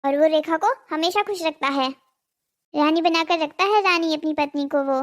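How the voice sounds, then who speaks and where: A woman's voice: sits high, moderate pace, natural voice. A woman voicing a greedy, nagging village wife in a cartoon drama, scolding and pleading. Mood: complaining.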